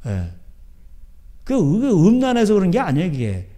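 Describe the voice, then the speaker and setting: A man's voice: sits high, huge pitch swings, moderate pace, warm tone. A man preaching a sermon as pastor, in a rambling, chatty way, often asking his listeners "right?". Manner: keeps asking the crowd back "예?".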